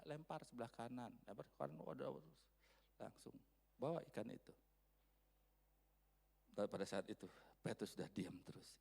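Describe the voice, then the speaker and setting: A man preaching a sermon in church, animated, swinging between loud emphasis and quiet asides. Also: mid-range voice, creaky. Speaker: pastor.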